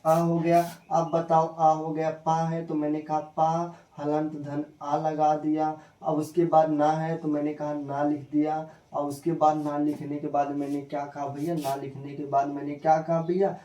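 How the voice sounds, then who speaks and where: A man's voice: on the high side, completely flat delivery, mellow, recorded from a distance. Man teaching spelling in an echoey room. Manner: repeats himself, quizzes viewers with quick questions. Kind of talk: spoken spelling lesson.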